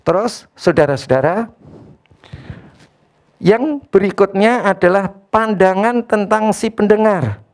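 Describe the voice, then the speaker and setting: A pastor preaching an online sermon in an easygoing, talky style. The speech comes in short phrases, often closed with a questioning "ya", with frequent direct address to the listeners as brothers and sisters. The pitch sits at an ordinary middle level. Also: unhurried, long pauses, darkish tone.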